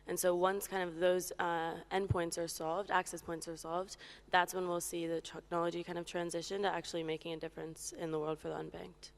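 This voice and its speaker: A woman from Hong Kong speaking as a panelist in a conference discussion, measured and even, with a few fillers. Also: lowish voice.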